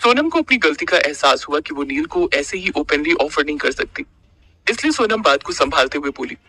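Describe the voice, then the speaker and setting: A man narrating an audio story in an expressive storytelling manner. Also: fairly high pitch, normal speed.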